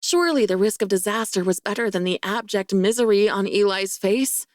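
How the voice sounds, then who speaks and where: A woman's voice: medium pitch, a little fast, no room sound, studio quality. Wry woman narrating an audiobook. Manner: wry, lively and self-mocking. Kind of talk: first-person romance audiobook narration.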